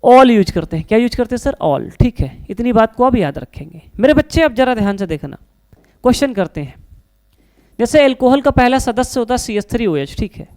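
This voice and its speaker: Clear-voiced man teaching a chemistry lecture. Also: very high-pitched, sing-song, brisk, darkish tone. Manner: asks questions and answers them himself, calls students child.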